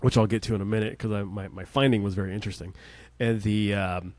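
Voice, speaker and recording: A man in his forties hosting a podcast, chatting casually with a guest and often pausing with "uh" and restarting sentences. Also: lowish voice, fairly even intonation, darkish tone, no echo. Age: 40s. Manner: friendly, frequent "uh" hesitations and restarts. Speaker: podcast host. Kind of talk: casual interview chat.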